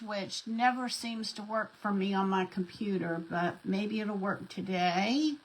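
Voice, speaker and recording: A woman's voice: medium pitch, a bit bright, poor audio. A middle-aged woman, chatting casually as she hosts a craft live stream and greets viewers by name. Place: home craft desk.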